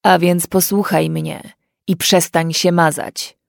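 A woman playing a cold, cruel man of the fairy folk who threatens slaughter in a slow, measured storybook voice. The tone sits a little low and carries firmly. The sound is dry and close. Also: steady tone, a little mellow, no room sound. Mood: coldly menacing. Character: cold, menacing male fairy-folk abductor.

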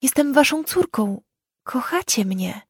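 A woman's voice: high voice, fairly even intonation, measured pace, creaky, darkish tone, husky, dry recording, clean studio sound, voice pushed up, full character voice. A woman voicing a frightened young girl who pleads through tears in a breaking voice. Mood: frightened pleading.

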